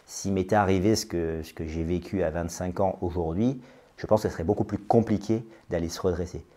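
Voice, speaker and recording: A man from France in his late thirties, a business owner, is interviewed as a podcast guest. He sounds hesitant, with many fillers and repeated words, though his low, warm voice keeps a steady tone at a fairly quick pace.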